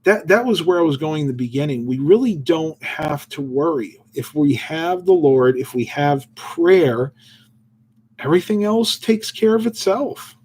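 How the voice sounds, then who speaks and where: This livestream host's voice sits on the high side and sounds animated, a little mellow and husky, though his pace stays measured. He reads scripture aloud, rambles through his thoughts on it with fillers, and answers what viewers ask in a relaxed devotional chat.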